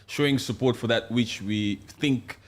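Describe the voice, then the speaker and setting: Speaking at medium pitch and an unhurried pace, this African co-host of a casual political live stream is impassioned and emphatic, often repeating phrases for emphasis.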